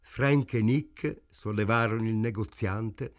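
A man reading a novel aloud in a measured, even way. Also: on the low side. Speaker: narrator. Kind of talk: audiobook narration.

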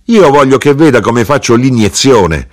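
A man's voice: fairly low pitch, animated, normal speed, a little mellow, dry recording, studio quality, pitched above the performer's own voice, lightly acted. A man reading an audiobook and voicing a proud, insistent mother of fifty who teases and boasts. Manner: insistent, teasing, self-satisfied. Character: proud, bossy middle-aged mother, fifty.

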